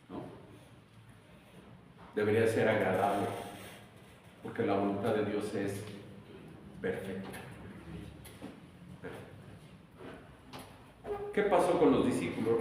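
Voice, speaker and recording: A man's voice: fairly low pitch, slow pace, pauses often, a little mellow, distant mic, a little hiss or hum. A man preaching a sermon as pastor, emphatic and full of rhetorical questions. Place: church sanctuary. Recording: echoey church hall, voice from afar.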